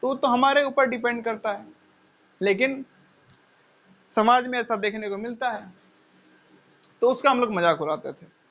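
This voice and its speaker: High, bright-voiced man teaching. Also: unhurried, pauses often. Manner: conversational, rhetorical questions, repeats phrases. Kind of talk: lecture with personal stories. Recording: dull lo-fi sound.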